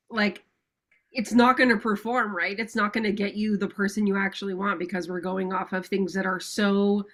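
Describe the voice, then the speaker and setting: A woman's voice: mid-range voice, a bit bright. A woman co-host chatting casually, telling a joking story. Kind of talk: casual chat.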